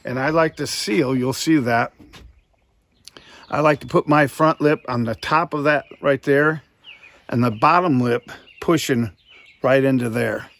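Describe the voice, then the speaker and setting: A man with a mid-pitched voice gives an informal instructional talk. He explains each step in a folksy, plainspoken way, as a hands-on instructor demonstrating technique. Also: measured pace, creaky, pauses often, a bit bright. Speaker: duck calling instructor.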